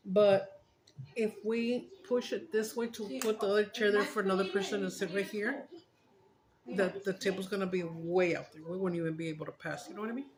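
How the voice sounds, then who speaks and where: A woman's voice: medium pitch, fairly even intonation, fairly quick, a crowd in the background. A woman with a Chicano English accent chats casually and candidly to her viewers, rambling with some swearing and slipping between English and Spanish. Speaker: mukbang vlogger. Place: small dining and living room at home.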